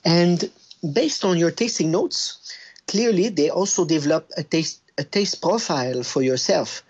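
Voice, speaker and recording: A man's voice: on the high side, measured pace, darkish tone, husky, lo-fi sound. A man from Quebec with a French-Canadian accent, a wine business guest talking on a radio show over the phone, with many hesitations and restarts. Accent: Québécois French.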